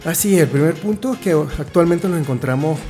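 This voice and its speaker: Venezuelan doctor on the radio, calm, low mellow voice. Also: male voice, fairly quick, faint music behind. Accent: Venezuelan Spanish. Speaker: guest doctor. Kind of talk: radio interview. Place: radio studio booth.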